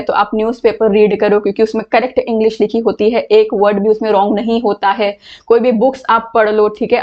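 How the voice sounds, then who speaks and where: A woman's voice: medium pitch, muffled recording. A woman teaching an online English class, explaining patiently and repeating words to model how they are said.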